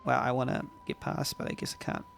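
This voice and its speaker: A man's voice: quick pace, a bit bright, soft background music. A man casually commenting as he plays and judges a game on a live stream, sleepy and wry. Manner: wry, chatty asides. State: sleepy, yawning. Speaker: streamer judging a game jam.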